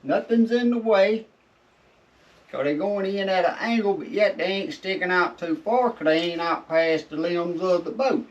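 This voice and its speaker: A man's voice: sits high, moderate pace. A man with a Southern US accent hosts a casual, folksy how-to vlog, his drawling speech slightly muffled by chewing tobacco in his lip. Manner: folksy, drawling informal talk. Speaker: video host. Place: shed. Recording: distant mic, dull lo-fi sound.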